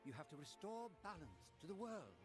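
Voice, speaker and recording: A man's voice: a little high, very animated, moderate pace, music in the background, voice pushed up. A man voicing an urgent, insistent female forest fairy in a game story, speaking pointedly.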